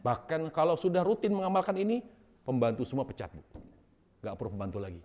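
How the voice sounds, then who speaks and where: A man's voice: on the high side, very animated, fast talker, darkish tone. A man preaching a sermon to a congregation, emphatic and storytelling, with many rhetorical questions.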